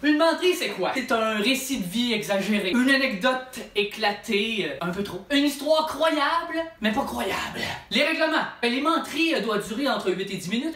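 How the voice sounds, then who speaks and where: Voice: mid-range voice, a bit bright. A contest host with a Quebec French accent, presenting in a playful, theatrical comic style. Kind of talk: comic hosting of a storytelling contest. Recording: roomy, distant microphone.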